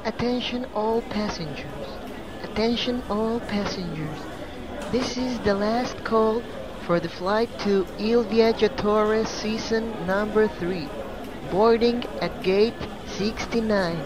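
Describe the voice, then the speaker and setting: A woman making a slow, formal boarding announcement over a public address intercom. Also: mid-range voice. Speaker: airport announcer. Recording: distant PA over loud crowd. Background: busy terminal crowd.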